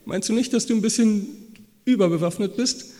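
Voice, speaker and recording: A man's voice: sits high, fairly quick, mellow. Preaching man in an echoing hall. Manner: acts out biblical dialogue in quoted voices. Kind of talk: sermon. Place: church hall. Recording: long reverb of a church hall.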